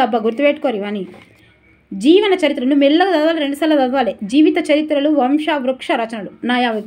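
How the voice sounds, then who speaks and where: A woman teacher giving a brisk, chatty exam revision lesson and turning aside to talk to viewers. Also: high-pitched, darkish tone.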